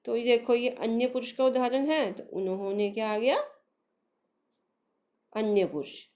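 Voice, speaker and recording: Slow, patient woman teaching grammar. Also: a little high, steady tone, darkish tone. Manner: slow, patient, asks questions and answers them herself; addresses pupils affectionately. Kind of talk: Hindi grammar lesson for children.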